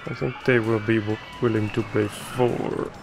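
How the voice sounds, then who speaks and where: A man narrates his building game at an unhurried, drawn-out pace. His voice has a gravelly, creaky edge, and he often mutters half to himself. Game music plays clearly beneath him. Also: on the low side, flat delivery. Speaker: let's play gamer. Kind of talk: casual gameplay commentary.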